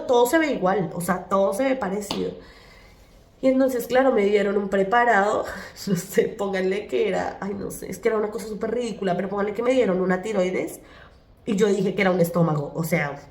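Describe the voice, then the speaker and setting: A woman in her twenties tells a casual vlog story about her studies. She talks in a chatty, animated way and acts out her own past lines. Her pitch sits at an ordinary middle height for a woman. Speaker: medical student vlogger.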